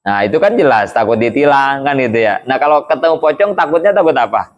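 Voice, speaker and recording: A man's voice: mid-range voice, expressive, fast, lo-fi sound. Chatty man. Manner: chatty, keeps asking rhetorical questions. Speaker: Islamic teacher. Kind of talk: casual religious lesson.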